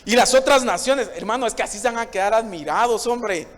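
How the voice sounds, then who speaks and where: High-voiced male pastor preaching in a reverberant church. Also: fairly quick, fairly bright tone, some chatter behind, a little hiss or hum. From Honduras. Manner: preaching, addresses listeners as brother, repeats phrases for emphasis. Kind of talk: sermon. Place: church hall.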